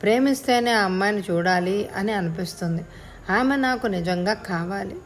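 A woman narrating a first-person story as an audiobook reader, in a measured, reflective way. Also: medium pitch, slight background noise.

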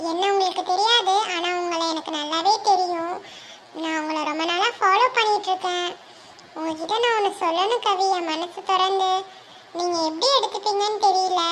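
An actor plays a lovesick young man in a comic cartoon, his voice very high and bright. He talks softly and sincerely, and a faint hiss sits behind him. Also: fairly even intonation, normal speed. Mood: earnest.

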